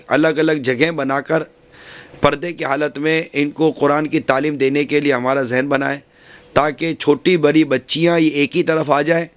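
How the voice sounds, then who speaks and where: A man preaching to a women's gathering, giving earnest advice and often repeating and rephrasing his points. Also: a little high. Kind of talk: religious speech.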